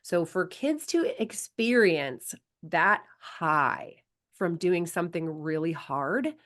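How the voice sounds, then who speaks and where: Animated woman coach on a podcast. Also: lowish voice, slow pace. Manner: animated storyteller, acts out quoted voices. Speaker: sports psychology coach, podcast guest. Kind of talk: casual podcast conversation.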